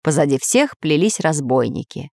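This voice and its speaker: Woman, children's story reading, lively pitch, dry close sound. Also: moderate pace, creaky, no echo. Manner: expressive, animated reading.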